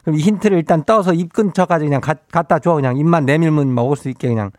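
In clean studio sound with no echo, a man with a highish, slightly mellow voice talks quickly, pushing his voice up in a lightly acted turn. He plays a folksy, chatty rural village headman with a Chungcheong Korean accent, rambling, rustic and repeating himself through announcements in a comic radio bit.

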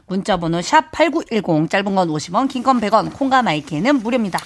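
A woman's voice: mid-range voice, sing-song, quick pace. A woman on a radio talk show, reading listener texts and adding easygoing comments. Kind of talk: casual radio banter.

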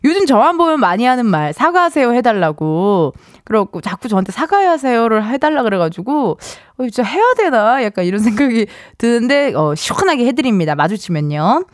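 A woman's voice: a little high, very animated, a little fast, few pauses, no room sound, clean studio sound. Chatty, playful woman radio host. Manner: chatty, playful, laughs often, acts out quoted lines. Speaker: radio show host and comedian. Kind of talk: casual radio talk, reading listener messages.

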